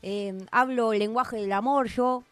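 A woman with an Argentine accent voicing a weary, broke male Cupid in a radio comedy sketch, hoarse from shouting, slangy and complaining. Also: on the high side, fairly even intonation, unhurried, dry recording, close to an everyday voice. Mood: grumbling. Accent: Argentine Spanish. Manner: slangy, complaining, laid-back.

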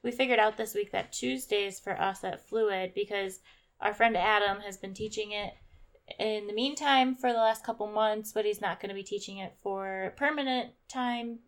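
A woman's voice: medium pitch, moderate pace. Chatty young woman co-hosting. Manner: animated storytelling, quotes herself and others. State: sore voice after yelling. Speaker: podcast co-host. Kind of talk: casual chat.

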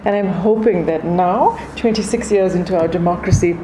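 A woman's voice: lowish voice, normal speed, background noise. A woman from South Africa's east coast with a Durban Indian accent, explaining things thoughtfully as a guest in a conversational interview. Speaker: podcast guest, food and wine expert.

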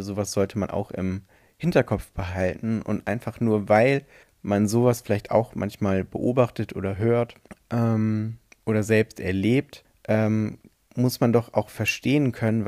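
A man's voice: lowish voice, dark tone. A man giving a casual opinion monologue, speaking hesitantly as he searches for words and corrects himself.

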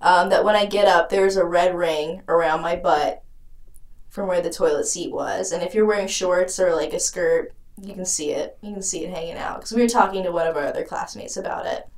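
A woman's voice: lowish voice, a little fast, echoey room, distant mic. A woman co-hosting a podcast in casual chat, frank and profane, often laughing. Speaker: podcast co-host. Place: small room.

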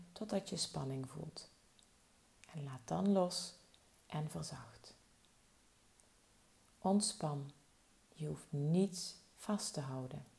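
A woman guiding a slow body-relaxation meditation with soft, soothing instructions. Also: on the low side, vocal fry. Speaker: relaxation guide.

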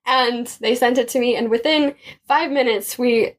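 A young woman, a student, telling a personal faith story in an animated, chatty way. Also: on the high side, moderate pace. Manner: animated, chatty, often laughing.

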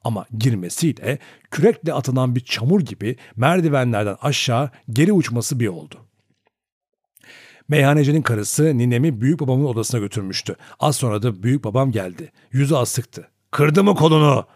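A man reading a novel aloud as narrator, in an expressive, dramatic storytelling manner. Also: medium pitch, a little fast, husky, dry recording, clean studio sound. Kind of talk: audiobook narration.

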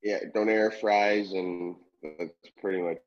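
Young man, from Canada, on a video call, dull lo-fi audio, low voice, dry sound. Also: steady tone, measured pace, no echo. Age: young adult. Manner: easygoing, brief agreeable replies. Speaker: hockey player guest. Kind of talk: casual interview chat.

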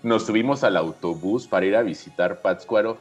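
A man's voice: lowish voice, fairly quick, slightly rough, dull audio, soft background music. A man from central Mexico chatting casually and telling anecdotes. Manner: chatty, tells anecdotes with quoted dialogue. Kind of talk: casual podcast chat.

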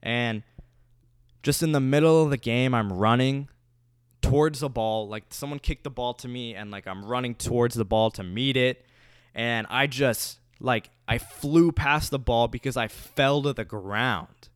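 A man's voice: medium pitch, a little slow, smooth, no room sound, clean studio sound. Casual young man rambling through a story. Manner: rambling, animated, swears freely, many "like" fillers.

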